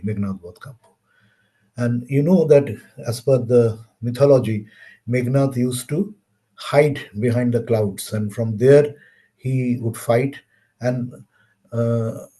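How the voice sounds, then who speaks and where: A man with an Indian accent giving a webinar lecture on science history, measured and halting with pauses. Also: medium pitch, mellow. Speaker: webinar speaker.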